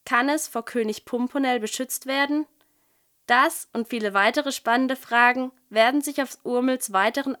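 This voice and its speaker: A woman presenting a children's book and reading from it in a lively storytelling way. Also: a little high, smooth. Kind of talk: book presentation with read-aloud excerpt.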